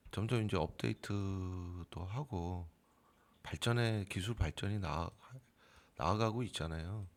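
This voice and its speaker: A man's voice: low voice, vocal fry. A man hosting his own channel, explaining to viewers in a casual, hesitant way with many fillers. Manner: informal, hesitant with fillers, acts out arguing with the AI. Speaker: crypto trading bot channel host.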